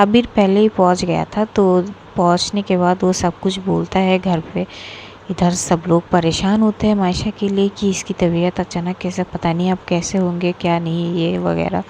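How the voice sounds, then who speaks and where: A woman's voice: lowish voice, dark tone, slight background noise. A woman from Bangladesh with a Bengali accent, narrating a serialized romance story in a casual, filler-heavy way.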